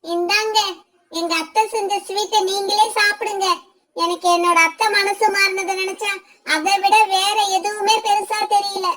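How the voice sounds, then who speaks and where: A woman voicing a gentle, devoted young bride myna bird in a cartoon, in a very high, thin voice with earnest pleading delivery. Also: normal speed. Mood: joyful. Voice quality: very high, thin and flat-toned. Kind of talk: cartoon voice acting.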